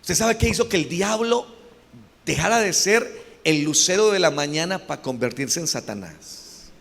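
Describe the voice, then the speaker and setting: A man preaching a sermon, calling questions to the congregation and having them repeat after him, jumping from loud shouted peaks to low quiet asides. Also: lively intonation, moderate pace, vocal fry, long reverb tail. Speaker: pastor. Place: church.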